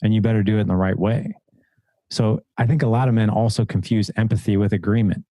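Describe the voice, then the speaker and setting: A man's voice: on the low side, steady tone, quick pace, warm tone, no room sound. A middle-aged man, a coach and podcast guest, talking earnestly and repeating his key points. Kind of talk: conversational podcast interview.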